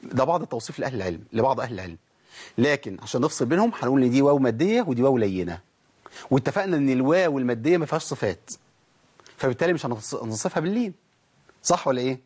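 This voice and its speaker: An Egyptian man teaching Quran recitation in colloquial Arabic, asking questions and answering them himself, then reciting verse fragments slowly to show mistakes. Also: medium pitch, breathy edge. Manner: lively, asks and answers his own questions, demonstrates verses slowly. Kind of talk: colloquial Egyptian tajweed lesson.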